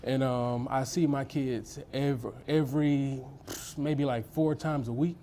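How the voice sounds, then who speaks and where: A man's voice: medium pitch, steady tone, a little slow, mellow, a little hiss or hum. A man in his thirties giving testimony in a courtroom, hesitant, repeating words and filling gaps with "um". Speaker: litigant in a TV court case.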